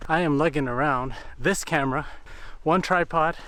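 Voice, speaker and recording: A man's voice: on the high side, normal speed, a bit bright, a little hiss or hum. A man hosting a casual hiking vlog outdoors on a mountain trail, chatty and out of breath from the climb. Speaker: host, photographer.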